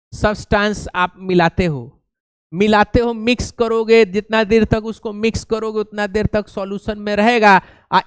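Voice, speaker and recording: A man's voice: high-pitched, smooth, dry recording. A male science teacher, lecturing and prompting students with repeated questions. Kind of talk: classroom lecture with call-and-response questions.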